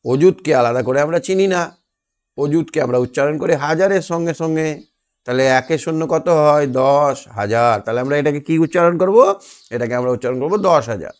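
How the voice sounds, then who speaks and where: A man with a fairly high, smooth voice talks at a fairly quick pace. He is teaching a math lesson online over a video call, patiently posing questions and then answering them himself.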